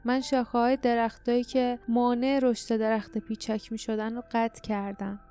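A woman voicing a grim, possessive armored male knight who mutters in a low, cold voice. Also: flat delivery, warm tone, clean tone, faint music behind, lightly acted. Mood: brooding mutter.

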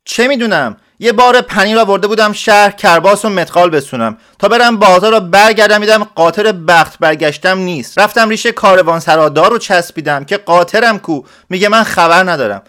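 A man voicing a short, flustered village man who pleads loudly and indignantly in a storybook reading. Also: a little high, lively intonation. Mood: indignant shouting.

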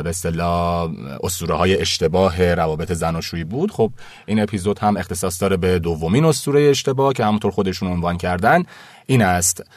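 A man's voice: fairly low pitch, no echo. Joking male podcast co-host. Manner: chatty, joking. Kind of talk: casual chat.

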